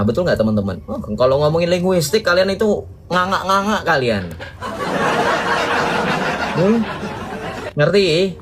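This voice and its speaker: A man's voice: fairly high pitch, heavy background noise. A man giving a polemical religious monologue to viewers, mocking and combative, chuckling at his own jabs and firing rhetorical questions at listeners. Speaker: religious teacher.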